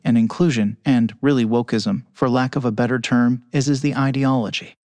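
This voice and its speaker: An anonymous male conductor whose voice is electronically disguised, giving measured, articulate interview answers over a remote call. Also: medium pitch, a little mellow, no room sound. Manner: measured, articulate, argues at length. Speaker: orchestra conductor, anonymous guest. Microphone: remote call with camera off.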